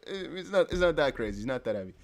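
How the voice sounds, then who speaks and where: A young crypto livestream host whose native language is Dutch rambles casually and reads viewer comments aloud, often correcting himself in a chatty way. His voice is fairly high and sing-song, and he talks fast.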